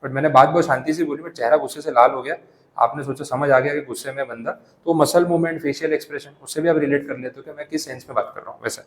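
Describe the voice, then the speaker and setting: Indian man lecturing in an echoey classroom. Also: on the high side. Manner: explains with everyday examples and asks students questions; reads English text slowly. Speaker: teacher. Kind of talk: classroom lecture in Hindi-English mix.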